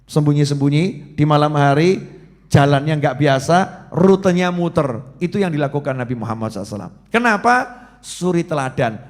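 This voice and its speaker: A man, preaching a religious study sermon with animated storytelling and acted-out quotes. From Indonesia. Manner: animated storytelling, acts out quotes with shifting pitch and loudness.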